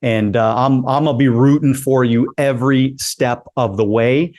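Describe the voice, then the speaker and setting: A man's voice: mid-range voice, steady tone, moderate pace, darkish tone, no echo. A man in his late forties hosting a casual interview, upbeat and encouraging, often repeating himself as he talks. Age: 40s. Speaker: podcast host.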